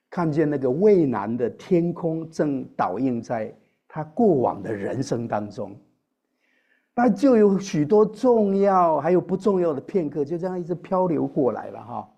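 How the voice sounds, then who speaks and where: Warm-toned preacher man addressing congregation. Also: a little high, gravelly. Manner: addresses the congregation, asks questions, tags sentences with a soft "ha". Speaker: pastor. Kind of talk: sermon.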